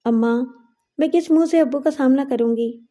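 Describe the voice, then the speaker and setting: A woman's voice: sits high, dark tone, lightly acted. A woman voicing a remorseful young runaway daughter, tearful and defensive on a phone call.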